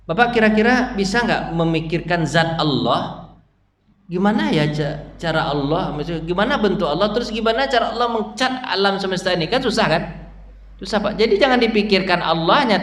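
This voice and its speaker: An Islamic preacher with a high, fairly bright voice gives a chatty dawn study lecture in a mosque hall, constantly quizzing his listeners and using homely, humorous examples. The recording echoes through the hall, with faint background noise.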